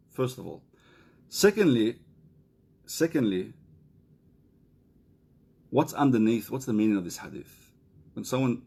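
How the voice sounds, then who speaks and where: A middle-aged man giving relationship counselling in a live question and answer session, chatting casually, reading out viewer questions and slowing down to repeat key points. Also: fairly low pitch, darkish tone. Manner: conversational, reads out viewer questions; slows down and repeats key phrases.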